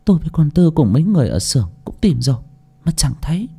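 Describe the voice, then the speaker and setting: A man voicing a frightened wife in an audio story, speaking hushed and hurried. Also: fairly high pitch, very animated, vocal fry, breathy edge, voice pushed up, heavily acted. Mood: fearful.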